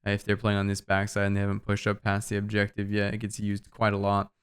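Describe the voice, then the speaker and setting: A man's voice: lowish voice, quick pace, smooth. A young man casually walking through game map callouts, loose and full of fillers, a little out of breath. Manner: relaxed, loose, filler-heavy explaining. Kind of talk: casual game guide narration.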